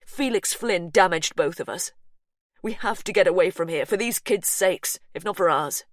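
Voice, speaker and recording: A woman narrates an audiobook, playing a distressed young man who tries to keep calm and reason gently, and the mood is urgent. She speaks at normal speed with a fairly low pitch, captured as clean studio sound with no echo.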